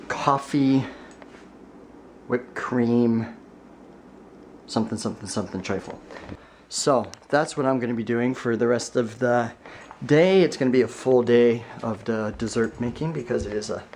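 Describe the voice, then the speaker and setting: A man's voice: medium pitch, moderate pace, long pauses, darkish tone, slight background noise. A young man talking casually to his camera while shopping and baking, joking and laughing as he goes. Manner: chatty and joking, laughs often. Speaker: vlogger. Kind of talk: casual vlog chat. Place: home kitchen and a store.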